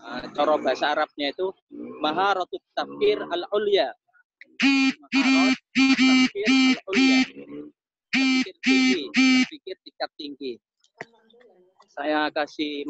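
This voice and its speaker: Over a webinar, a man lectures in a casual, chatty way, repeating his phrases as he explains and dropping in local asides. His voice is on the high side, gravelly and a bit bright, with huge pitch swings at a normal speed. The video-call audio sounds slightly dull and dry.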